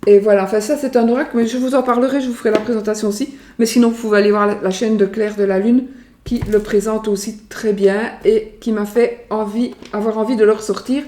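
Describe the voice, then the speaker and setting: A woman's voice: medium pitch, steady tone, fast, mellow, slight background noise. A woman vlogger chatting casually to her viewers, rambling and repeating herself with many fillers, in her home kitchen. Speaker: psychic vlogger presenting her oracle cards. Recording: roomy echo, voice from far off the mic.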